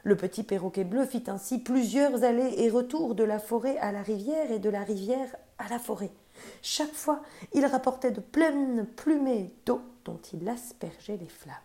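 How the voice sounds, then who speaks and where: A woman storyteller reading a children's story aloud in a gentle, expressive way. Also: a little high, moderate pace.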